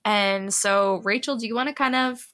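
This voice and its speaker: A young woman co-hosts a relaxed podcast conversation, her voice bright and ringing. She tells family stories with animation, putting on little voices for her kids along the way. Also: medium pitch, moderate pace. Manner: animated storyteller, acts out her kids' voices. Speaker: podcast co-host. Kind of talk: casual chat, storytelling.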